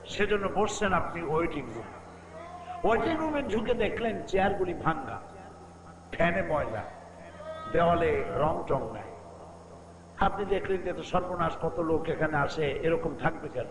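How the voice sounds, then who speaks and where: A man delivers a sermon in a high, measured voice, asking his listeners questions and breaking into slow chanted verses. The recording rings with echo and carries steady background noise from the gathering. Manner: rhetorical questions to the crowd, chants Quran verses. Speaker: Islamic preacher. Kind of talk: Bengali waz sermon.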